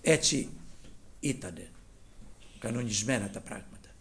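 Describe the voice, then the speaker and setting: A man preaching a sermon, moving between loud, impassioned declaiming and low murmured asides. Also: lively intonation.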